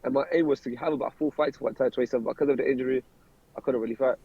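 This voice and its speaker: A man's voice: medium pitch, fairly even intonation, racing, slightly rough, narrow, tinny audio. A man, a professional boxer chatting casually in an interview, rambling and repeating words as he starts sentences. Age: 20s.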